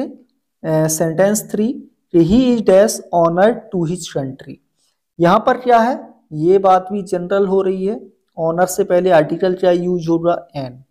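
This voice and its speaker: A woman's voice: fairly low pitch, dark tone. A woman with a Hindi accent teaching an English grammar lesson, explaining step by step and asking questions back to the learner. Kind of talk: classroom-style grammar lesson.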